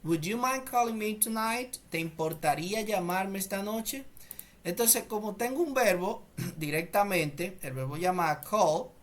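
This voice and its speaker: A native Spanish speaker teaches an English grammar lesson, slowly and deliberately, repeating phrases and often clearing his throat. His voice sits high.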